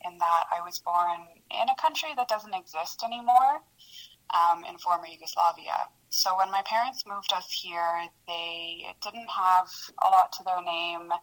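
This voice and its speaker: A woman's voice: fairly low pitch, unhurried, fairly bright tone, low-quality recording. A woman in her thirties, a native Hungarian speaker raised in Canada, giving a candid, reflective radio interview and laughing at herself. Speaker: radio guest, producer.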